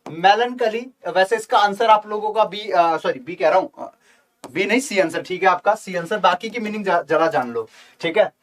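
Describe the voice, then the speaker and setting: A man teaching English vocabulary in a live online exam-prep lesson, coaxing viewers to comment and chanting memory tricks in a slow singsong. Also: sits high, expressive. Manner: addresses viewers as children, asks for comments.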